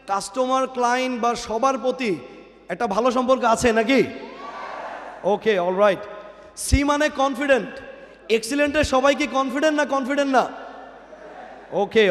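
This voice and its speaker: High-voiced man in a cathedral-like echo. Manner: quizzes the crowd, mixes English into his talk. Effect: cathedral-like echo from a large hall. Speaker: guest speaker at a company event. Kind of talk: motivational speech to an audience. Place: large indoor event hall. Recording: long hall reverb on a PA microphone.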